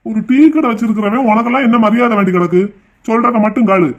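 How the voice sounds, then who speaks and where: Cartoon: a man voicing a threatening brother, high and fast-talking, dull lo-fi sound. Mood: scolding. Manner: scolding, rude, shouting. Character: bossy hot-tempered adult brother, threatening.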